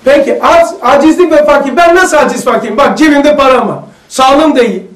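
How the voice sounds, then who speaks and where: A man with a very high voice leads an informal religious lesson, chatting and telling anecdotes to his group. He is recorded from a distance in a roomy, echoing space. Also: fairly quick. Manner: chatty, storytelling, asks the group questions. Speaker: religious study circle leader. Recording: echoey room, mic far off.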